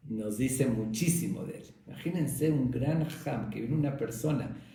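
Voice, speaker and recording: A man teaching a religious lesson through a story, in a warm, conversational storytelling manner. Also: mid-range voice, normal speed, creaky, distant mic. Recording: very echoey room.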